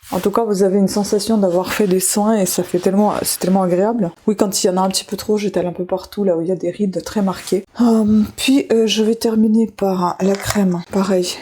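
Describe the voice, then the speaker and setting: A middle-aged beauty vlogger with a medium-pitched, slightly rough voice chats casually to the camera. She's in her bathroom at home doing her evening skincare routine, relaxed and talkative the whole time.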